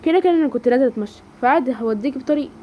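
A woman's voice: rapid-fire, mellow. A woman voicing a timid, stammering young woman. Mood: polite. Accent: Egyptian Arabic. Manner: stammering, high and fearful. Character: timid young woman, frightened then shy.

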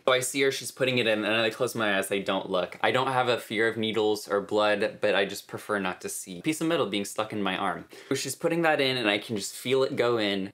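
Young adult male vlogger, slightly low voice, casual and chatty storytelling. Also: fairly bright tone. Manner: chatty, recounts others' words in quotes. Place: small bedroom, indoors.

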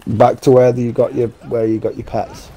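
A man's voice: mid-range voice, little pitch movement, normal speed, warm tone, slight background noise. A man chatting casually and bluntly during a co-op game, with plenty of swearing. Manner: blunt, sweary, matter-of-fact. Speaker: co-op gamer. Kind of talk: casual gaming chat.

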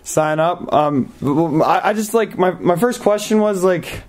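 Speaking at a moderate pace in a high-pitched voice, a young adult prank caller stays in character, hesitant, stammering, naive and distressed. He's indoors in a small bedroom.

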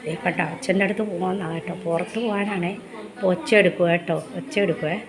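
A woman, narrating a casual home vlog about her pet dog in a hushed voice and switching to sing-song baby talk when she speaks to him. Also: lowish voice, fairly even intonation, fast, a crowd in the background. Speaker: pet vlogger. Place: at home, indoors.

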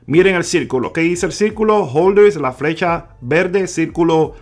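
A man hosting a crypto video, talking viewers through numbers on screen, calling them "mi gente" and repeating figures slowly. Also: a little high. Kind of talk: screen-share explainer talk. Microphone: voice-over on screen recording.

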